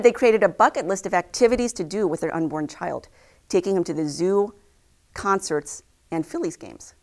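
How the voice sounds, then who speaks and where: In an indoor news studio, a young adult woman anchors, reading scripted headlines to camera in a formal, measured manner. Her voice is medium-pitched.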